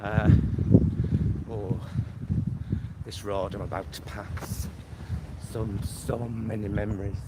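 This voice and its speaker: Outdoors on a suburban road, a middle-aged English vlogger with a Greater Manchester accent records a phone selfie vlog, chatting to camera as he walks. His fairly low voice is flat and slowish, his talk rambling, casual and camp with endearments, and the street and traffic noise is very loud.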